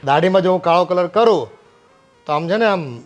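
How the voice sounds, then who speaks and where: A man's voice: high voice, animated, fairly quick, soft background music. An older man with a Gujarati accent playing a father-in-law in a family film, easygoing and teasing.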